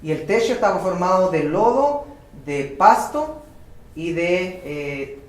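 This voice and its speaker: A man interpreting a sermon live, talking quickly and restarting phrases as he goes. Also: high-pitched, very animated. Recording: very echoey church hall.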